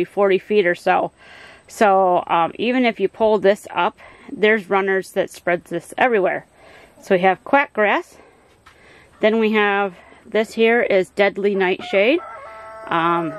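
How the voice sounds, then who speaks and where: Holding her phone as she films, a middle-aged woman narrates a laid-back tour of her outdoor backyard garden and greenhouse, plant by plant, as a homestead gardener. She speaks at an ordinary middle pitch, fills her explanations with ums and uhs, and the audio has no echo.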